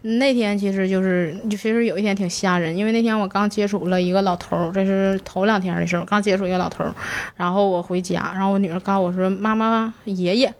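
A woman in her thirties with a Northeastern Mandarin accent, telling stories from her work as a guest in a casual chat, animated and laughing often. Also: mid-range voice, quick pace, few pauses. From Northeast China. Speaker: guest, mortician.

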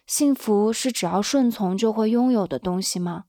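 Calm young woman narrating in a dry voice. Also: medium pitch, no echo. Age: 20s. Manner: calm, measured storytelling. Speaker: interviewer and narrator, daughter of the guest. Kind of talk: scripted reflective narration.

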